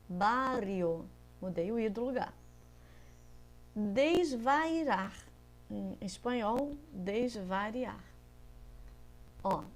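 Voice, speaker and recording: Slow, patient Brazilian teacher woman. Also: mid-range voice. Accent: Brazilian Portuguese. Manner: patient, explains step by step, asks "tá?" often. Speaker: Spanish teacher. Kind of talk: recorded video lesson.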